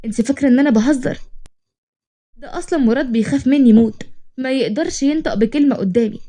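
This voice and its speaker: A woman's voice: high-pitched, fast, mellow. A woman doing a bragging, playful young Egyptian man. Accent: Egyptian Arabic. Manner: joking, bragging. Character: boastful playful young man, kind friend.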